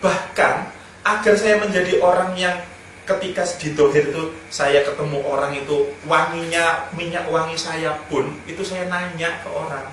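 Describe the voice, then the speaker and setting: A man's voice: fairly high pitch, fairly even intonation, normal speed, a bit bright. Joking man in an echoey hall. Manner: anecdotal, joking, chuckles between points. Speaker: speaker giving advice on self-improvement. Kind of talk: casual humorous talk. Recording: very echoey room, speaker far from mic, faint noise.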